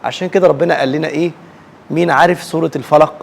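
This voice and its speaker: Brief: fast-talking Egyptian woman, children's religious teacher, quizzes the class and echoes answers, faint room noise. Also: low-pitched, steady tone, gravelly, a little mellow. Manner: asks questions and repeats the answers back. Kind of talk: call-and-response classroom lesson.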